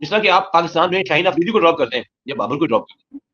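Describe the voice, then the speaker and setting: A man from Pakistan arguing about cricket as a pundit, talking rapidly and groping for names. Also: a little high, animated, pushed and bright, slightly rough, dull audio. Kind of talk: animated debate.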